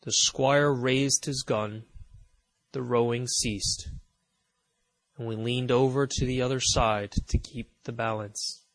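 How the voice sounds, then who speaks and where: A man reading an audiobook, narrating in a measured, even storytelling manner. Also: mid-range voice, no room sound, rough recording.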